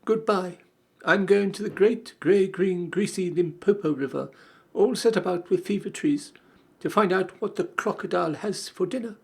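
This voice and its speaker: A man's voice: high-pitched, moderate pace, creaky, a little mellow, pitched above the performer's own voice. A man voicing a curious, very polite young elephant child in a storybook reading. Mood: eager. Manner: very polite, earnest. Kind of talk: storybook character voice.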